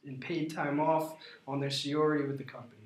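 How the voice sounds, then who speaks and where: A man in a rehearsed business role play, answering as a prospective client in a measured, formal way. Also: a little high, fairly even intonation. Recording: echoey, roomy sound.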